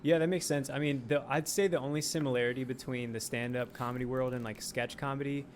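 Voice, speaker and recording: A man in his late twenties, a sketch comedian talking casually as a podcast guest, animated and swearing freely. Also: mid-range voice, fast, a little hiss or hum. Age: late 20s. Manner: animated, swearing, laughing often.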